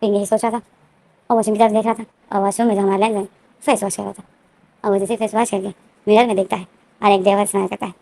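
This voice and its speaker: A woman casually retelling a fan-fiction story, with rapid, repetitive narration and many fillers. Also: mid-range voice, level tone, dark tone, a little hiss or hum.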